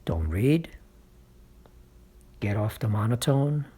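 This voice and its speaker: Male channel host, husky and unhurried, encouraging speaking coach who talks from experience. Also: fairly low pitch, lively intonation, mellow. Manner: coaching, checks in with frequent "right?" and "okay?". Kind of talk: motivational public-speaking advice.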